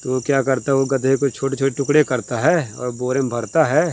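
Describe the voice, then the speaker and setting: A man's voice: medium pitch, fairly even intonation, fairly quick, darkish tone. A man telling a comic village folk tale in a plain, rambling, repetitive way. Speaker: storyteller. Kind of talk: casual oral folk storytelling.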